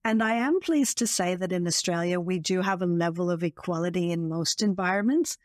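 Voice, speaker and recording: A Canadian woman being interviewed, explaining her work in a fluent, measured way. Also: fairly low pitch, no echo, studio quality. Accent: Canadian English. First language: bilingual English and French. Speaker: guest, marketing consultant. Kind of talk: interview answers.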